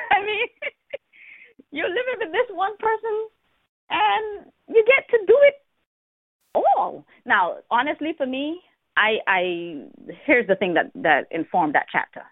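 A woman from the Bahamas, an author talking candidly in an interview, animated and laughing often, with many restarts. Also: extremely high pitch, slow, no echo. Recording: tinny phone-line sound.

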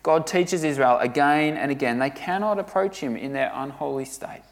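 A man preaching a sermon, earnest and emphatic, often dropping to a hush for weight. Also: a little high, normal speed.

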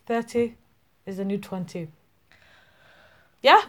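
A woman's voice: medium pitch, lively intonation, slow. A woman in her twenties, a podcast co-host in casual chat, telling stories from work. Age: 20s. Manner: chatty, tells work stories.

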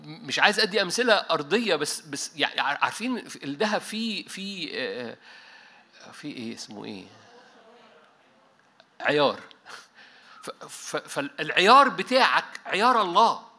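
A man with an Egyptian Arabic accent preaching a sermon to a church meeting, animated, dropping English words and often restarting mid-phrase. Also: fairly high pitch, normal speed, pauses often. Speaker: pastor.

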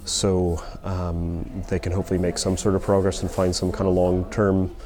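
A man's voice: low voice, monotone, moderate pace. A man explains things informally as an interviewee, in a hesitant, thoughtful manner. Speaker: community support project worker.

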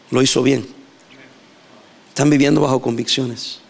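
A male pastor preaching a sermon in a lively, animated way, laughing and acting out quotes. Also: mid-range voice, slow, gravelly, breathy edge.

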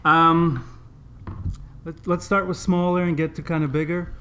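A man's voice: a little high, little pitch movement, measured pace, bright, forceful tone, a little hiss or hum. A man hosting a casual sports podcast, chatty and informal, his speech slightly impeded by new braces. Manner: chatty, informal, addresses listeners directly. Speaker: podcast host.

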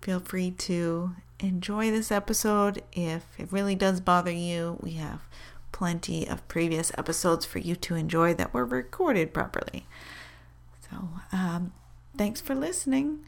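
A woman podcast host with a creaky, fry-laden voice addresses listeners informally. The audio is a little rough, as if from a headset. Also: lowish voice, a little slow. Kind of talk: informal spoken announcement.

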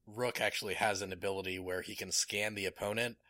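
An enthusiastic man in casual podcast chat who rambles with plenty of fillers. His voice is fairly low but bright and forceful. The sound is dry and close. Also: steady tone, quick pace, no echo.

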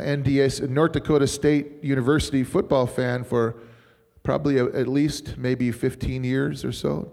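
A man's voice: mid-range voice, creaky, darkish tone. A middle-aged man, a pastor, telling stories in a rambling, chatty sermon and laughing often. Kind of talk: informal sermon storytelling. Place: church. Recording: reverberant church hall.

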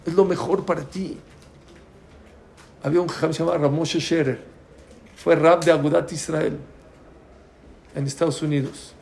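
A man's voice: on the high side, steady tone, moderate pace, vocal fry, long pauses, darkish tone, slight background noise. A man, a rabbi giving a storytelling sermon who keeps asking his listeners questions. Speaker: rabbi teaching a Torah class.

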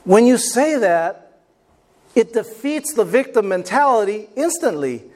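A man's voice: high-pitched, lively intonation, measured pace, a little mellow. A man preaching a motivational sermon as a pastor, emphatic and repeating his phrases, prompting his listeners as he goes. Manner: prompts listeners with questions and calls for amen.

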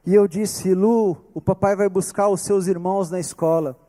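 A man with a Brazilian accent preaching a sermon, telling a personal story earnestly and slowing down on key words. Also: high-pitched, fairly even intonation, warm tone. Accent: Brazilian Portuguese. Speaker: pastor.

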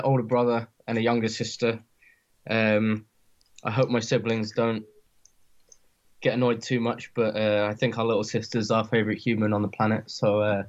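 A man with a Home Counties English accent gives a casual interview in an even, restrained voice. He sounds modest and slightly hesitant. The recording is somewhat dull and band-limited. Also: lowish voice. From Surrey, England. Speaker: interview guest, professional ice hockey player.

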